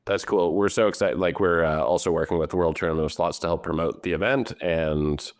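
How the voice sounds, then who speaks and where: A man's voice: low voice, steady tone, brisk, no room sound, clean studio sound. A man hosting a podcast, upbeat and enthusiastic while interviewing a guest. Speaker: podcast host.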